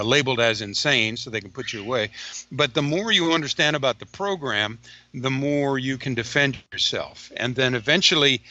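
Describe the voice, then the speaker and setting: A man from the United States calling in as a guest, his audio glitching and breaking up, talking haltingly and often restarting his phrases. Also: mid-range voice, pushed and bright, no room sound. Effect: glitchy phone line that keeps breaking up. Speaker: guest caller. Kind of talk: call-in interview. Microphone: phone line. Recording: dull lo-fi call audio.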